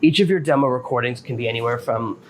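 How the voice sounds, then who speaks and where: The recording is low quality with a little hiss or hum, as a fast-talking, medium-pitched man hosts his podcast. A self-employed author, he gives casual, practical advice step by step.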